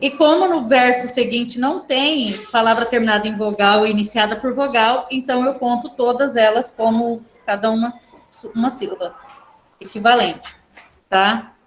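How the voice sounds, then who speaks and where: A Brazilian woman teacher with a slightly high voice explains a poem to her class at a patient, step-by-step pace, checking in with "tá?" again and again. She sounds roomy and echoey, as if caught by a microphone across the classroom, with faint noise underneath. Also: fairly bright tone. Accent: Brazilian Portuguese. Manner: explains slowly, often adding "tá?". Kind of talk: classroom lesson on poetry. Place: school classroom.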